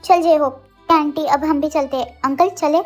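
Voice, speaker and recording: A woman's voice: high-pitched, fairly even intonation, moderate pace, soft background music, natural voice. A woman voicing a cocky, playful young male best friend in a Hindi fan audio story, boastful and joking.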